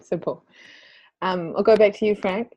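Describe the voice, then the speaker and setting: A woman's voice: medium pitch, fairly even intonation, normal speed, warm tone, dull audio. A woman with a New Zealand accent leading an online class call, speaking informally and calling on people by name. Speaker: course facilitator. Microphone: video call.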